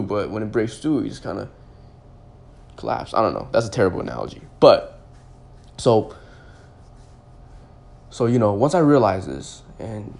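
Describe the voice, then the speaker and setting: A man's voice: on the low side, creaky, darkish tone. A young man in his twenties, a podcast host, telling a personal story in a loose, rambling way full of "like" and restarts. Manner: rambling, heavy use of "like" and restarts.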